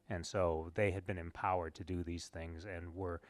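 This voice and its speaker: Man, very low voice, panel speaker, anecdotal and reflective, dry sound. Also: flat delivery, unhurried, no echo. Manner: storytelling, quoting students. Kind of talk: conference panel talk.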